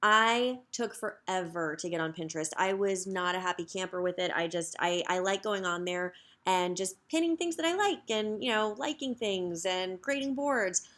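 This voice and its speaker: An upbeat woman in her thirties talks straight to camera, pitching her coaching program. Her pitch sits in a middle range, and her delivery is chatty and easygoing, with plenty of ums and asides. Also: expressive, moderate pace, a bit bright. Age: 30s. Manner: upbeat, chatty, many fillers. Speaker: social media coach. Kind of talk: direct-to-camera sales pitch.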